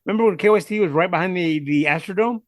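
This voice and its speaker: High-voiced emphatic male podcast host, dry sound. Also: very fast, no echo. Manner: emphatic, friendly, peppers lines with "man". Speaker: podcast host and radio veteran. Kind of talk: casual interview chat.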